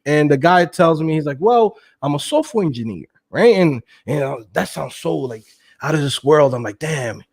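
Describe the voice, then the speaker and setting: A young man telling his story as an interview guest, slangy and animated, acting out quotes with laughs. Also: a little high, normal speed, gravelly, breathy edge. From Queens, New York. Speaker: guest, web developer.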